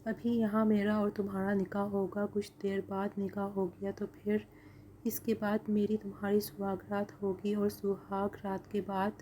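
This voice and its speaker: A cold, boastful young villain who sneers and threatens in a level, unhurried way, as a woman narrator reads his lines. The voice stays mellow and low-key, with little rise and fall. It is a storybook reading. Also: completely flat delivery, slight background noise, lightly acted. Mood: menacing. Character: cruel arrogant young man, vengeful kidnapper.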